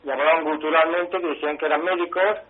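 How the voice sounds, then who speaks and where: A nervous man calling in to a radio show over the phone, asking halting, apologetic questions. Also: fairly high pitch, steady tone. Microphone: telephone. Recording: tinny phone line.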